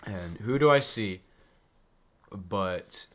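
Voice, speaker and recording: A young adult man co-hosting a podcast tells a story in casual chat, acting out quotes and laughing often. His voice is lowish and animated, yet he speaks extremely slowly.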